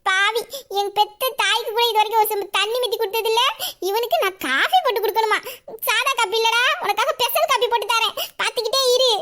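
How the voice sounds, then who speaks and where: A woman voicing a sharp-tongued young office assistant in an audio drama, grumbling asides under her breath. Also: very high-pitched, fast. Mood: exasperated. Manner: grumbling asides, exasperated muttering. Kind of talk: Tamil audio drama acting.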